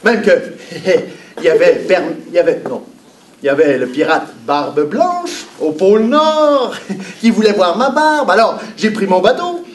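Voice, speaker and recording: A man's voice: sits high, unhurried. Kids' stage pirate, a man acting, boastful and playful, Québécois accent, mic distant, room noise behind. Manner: animated, playful, talks to the children. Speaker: children's entertainer. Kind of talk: live children's stage show. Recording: echoey hall, mic far off, background noise.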